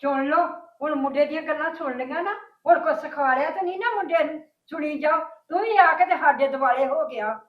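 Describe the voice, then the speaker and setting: A woman's voice: sits high, fairly quick, hardly any pauses, reverberant, far from the mic, dull audio. A woman playing a sarcastic, scolding grandmother in a family web drama.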